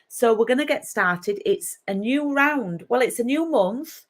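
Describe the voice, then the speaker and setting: Broadcasting from her craft room at home in Yorkshire, a middle-aged woman greets viewers by name during a casual craft live stream. Her voice is fairly high and animated, though a touch slow, with a Yorkshire accent.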